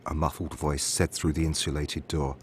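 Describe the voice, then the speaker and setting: A man who streams spooky stories, reading a horror story aloud in a steady, measured way. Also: extremely low pitch, a little hiss or hum. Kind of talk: scripted horror story narration. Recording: music playing behind the voice.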